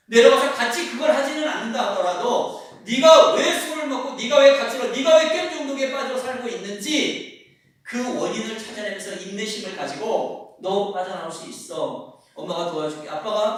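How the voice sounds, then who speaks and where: Animated man in his fifties, echoey hall. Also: extremely high pitch, a little fast, distant mic. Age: 50s. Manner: lively, plays out kids' voices and greetings. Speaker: teacher and pastor. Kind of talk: seminar talk to parents. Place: church hall.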